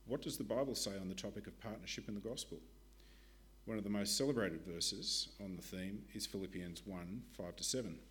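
A man with a lowish voice reads a church ministry update aloud. His delivery is steady and measured, with a few small fillers when he speaks off the page. The tone is earnest and prepared, like a report given from the front of a congregation. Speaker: church presenter.

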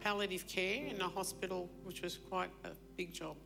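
Gravelly-voiced woman sharing a testimony. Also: lowish voice, steady tone. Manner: reflective, halting, with many fillers. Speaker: interviewee. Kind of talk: personal testimony in a video. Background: soft music.

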